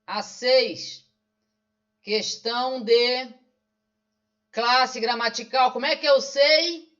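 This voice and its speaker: A man with a Brazilian accent teaches an online lesson, solving an exam question by question. His voice sits unusually high for a man. He keeps asking his own questions and answering them, and the recording sounds dull and lo-fi. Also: fairly even intonation, drawn-out words, sharp tone. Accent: Brazilian Portuguese.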